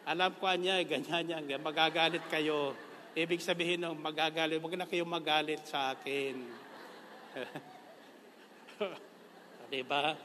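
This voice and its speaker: A man's voice: on the high side, fairly even intonation, slow pace, pauses often, bright, forceful tone, long reverb tail, a little hiss or hum. A Filipino-accented man preaching a sermon in a jokey way, laughing often and slipping English phrases in.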